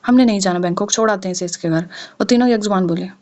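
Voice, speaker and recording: A woman's voice: mid-range voice, quick pace, a little mellow. A woman narrating an audio novel, reading each character's lines in her own voice. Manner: reads all characters' dialogue in her own voice.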